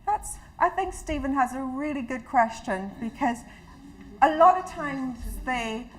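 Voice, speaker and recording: This is a woman from Trinidad giving an interactive health talk to a live crowd in a community hall, speaking as a health educator. Her high voice is animated and unhurried, warm and conversational, with many restarts along the way. There's slight background noise, and the recording is low quality.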